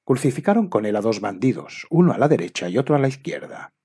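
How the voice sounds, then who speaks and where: Male scripture reader, lively animated delivery, dark tone. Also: mid-range voice, fast, husky. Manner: expressive, acts out the quoted voices. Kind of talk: liturgical Bible reading.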